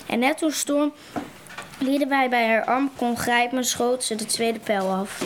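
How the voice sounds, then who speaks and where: Woman reading aloud from a novel, high voice, halting. Light noise. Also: steady tone. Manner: stumbling reading with restarts. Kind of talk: reading a book passage aloud.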